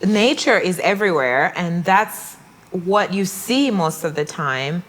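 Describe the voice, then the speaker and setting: A woman's voice: on the low side, expressive, slow pace, a bit bright, low-quality recording. A young woman from Malawi, speaking reflectively as an interview guest. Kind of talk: casual interview conversation.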